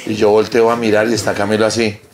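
A young man with a Colombian accent, a comedian telling a crude, animated anecdote and laughing as he goes. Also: on the low side, quick pace, noisy background. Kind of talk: comic storytelling.

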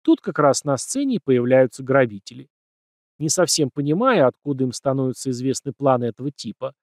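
A man's voice: medium pitch, big pitch swings, fairly quick, a little mellow, dry recording, clean studio sound. A man narrating a first-person crime story as an audiobook, acting out bits of dialogue.

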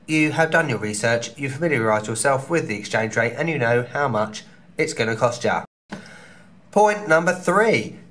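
Cheeky and chatty, a London-accented man in his thirties shares travel advice in a vlog from a small hotel room, dropping quick asides as he goes. The camera is held close at arm's length, and his voice is mid-range with a bit of brightness.

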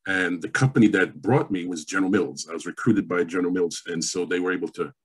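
A man's voice: sits low, slightly rough. A man in his fifties, born in Jamaica and raised in New York, telling his background as a panelist in an online forum over a webcam call in a room at home. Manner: measured, reflective storytelling. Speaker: panelist, professor and pastor. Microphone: webcam on a video call.

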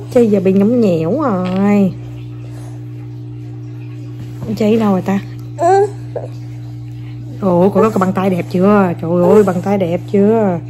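Filming her children, a young mother coaxes them and chats playfully and casually with her viewers. Her voice is warm and mid-range, and she keeps repeating short commands to the kids.

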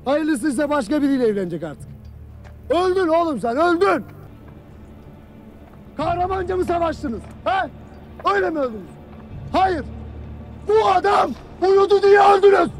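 A furious army commander yelling at troops. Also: male voice, very high-pitched, lively intonation, normal speed, pauses often, faint music behind. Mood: furious shouting. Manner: barking, furious, relentless shouting. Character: stern male army commander berating his exhausted troops. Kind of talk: film drama acting.

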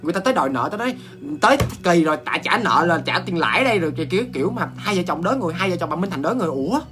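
A man with a Southern Vietnamese accent telling a ghost story in a chatty, animated way, full of exclamations and restarts. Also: high voice, very fast.

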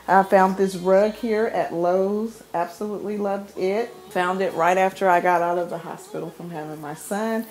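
Walking from room to room, a vlogger in her thirties cheerfully narrates a tour of her house and raves about the decor. She has a darkish, lowish voice.

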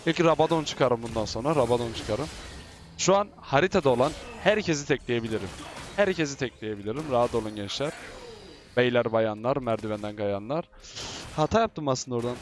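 Excitable man commentating gameplay. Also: medium pitch, a little fast. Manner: excitable, shouting and teasing while playing. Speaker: gaming YouTuber.

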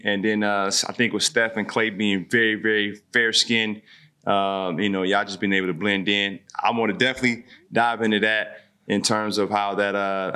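A man's voice: fairly low pitch, sharp tone, smooth. A middle-aged man co-hosting a podcast over a video call, upbeat and full of banter. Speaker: podcast co-host. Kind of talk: casual podcast conversation. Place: home room. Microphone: earbuds, video call.

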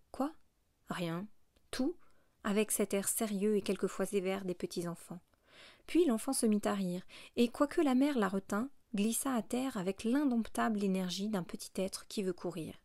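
A woman narrating a classic novel as an audiobook, in a measured, expressive reading. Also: medium pitch, no room sound, studio quality.

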